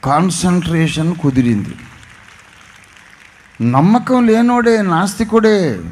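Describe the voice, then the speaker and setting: Telugu-accented preacher telling a dramatic story. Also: male voice. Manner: dramatic storytelling, voicing characters with swings in pitch and loudness. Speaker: pastor. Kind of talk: sermon with acted-out anecdote. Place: church gathering.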